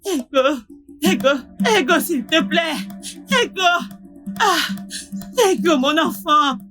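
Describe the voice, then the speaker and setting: A harsh, hot-tempered village mother, her high voice raised in loud, indignant scolding. This is a dubbed film role. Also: expressive, moderate pace, faint music behind. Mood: panicked wailing.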